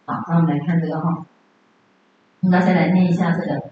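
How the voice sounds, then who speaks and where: A woman's voice: sits low, fairly even intonation, quick pace, background noise. A woman giving a lecture on Buddhist teaching who chats with her class and often asks them questions. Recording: very echoey, dull lo-fi room.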